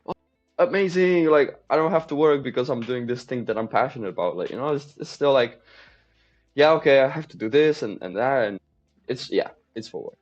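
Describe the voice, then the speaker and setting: A man's voice: mid-range voice, expressive, brisk, soft background music. A man, chatting easily as a podcast guest and laughing readily. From Czech Republic. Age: 20s. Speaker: podcast guest, mindset coach. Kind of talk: casual interview chat. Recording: slightly dull lo-fi sound.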